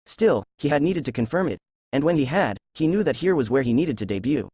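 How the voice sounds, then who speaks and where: Man, mid pitch, steady storytelling narration, dry close sound. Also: fairly quick, slightly rough, no room sound. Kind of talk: reading fan fiction aloud.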